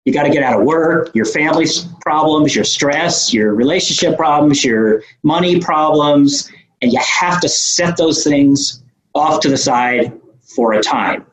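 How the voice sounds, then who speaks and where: A man's voice: a little high, unhurried. A man with a New York accent explains his ideas as a podcast guest. He rambles easily through fillers and restarts. His voice carries a roomy echo. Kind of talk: casual interview conversation.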